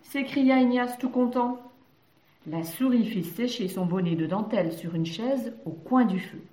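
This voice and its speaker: A woman narrating a children's story gently. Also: on the high side, a little slow. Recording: roomy echoey recording.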